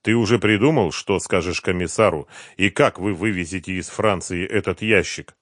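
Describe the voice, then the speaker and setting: A man's voice: deep voice, moderate pace, fairly bright tone, no echo, studio quality. A man doing a tense, driven secret agent. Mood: bitter. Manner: clipped urgent commands. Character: tense, driven male agent giving sharp orders.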